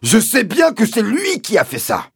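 A shrill, furious pompous landowner. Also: male voice, wildly swooping pitch, normal speed, gravelly, husky, no room sound, studio quality, exaggerated voice. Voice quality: shrill, shouting.

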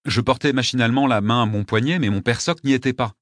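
A man narrating a story in a steady, measured way. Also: mid-range voice, dry recording, studio quality. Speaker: audiobook narrator. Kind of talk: scripted narration.

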